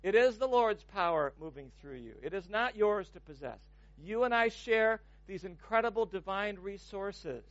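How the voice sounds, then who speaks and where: A man with a very high voice preaches a sermon, pressing his points with emphasis and repeating words as he gathers speed. The sound is dry and close, but slightly muffled and lo-fi. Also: expressive, normal speed, a bit bright, dry recording. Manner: emphatic, repeats words when building momentum.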